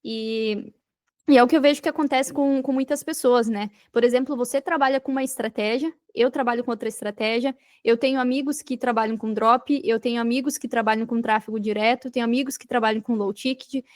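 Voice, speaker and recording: Somewhat high and darkish in tone, this Brazilian woman's voice stays steady and moves a little fast as she gives a motivational podcast talk. A digital marketer by trade, she repeats phrases emphatically and speaks right to the listener, recorded cleanly in a studio without room sound.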